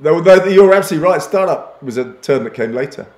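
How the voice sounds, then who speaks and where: A man's voice: a little high, lively intonation, fast talker, a little mellow, roomy sound. An older man grew up in East Africa and speaks as a podcast guest, self-deprecating and often restarting his sentences. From Uganda and Kenya. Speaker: podcast guest, advertising executive. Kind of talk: conversational interview.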